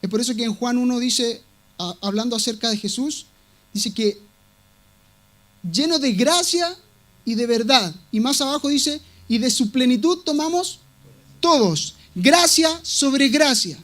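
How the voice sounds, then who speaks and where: High-voiced emphatic male preacher. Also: a little slow, fairly bright tone. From Latin America. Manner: emphatic preaching, repeats key words. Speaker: pastor. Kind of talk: sermon.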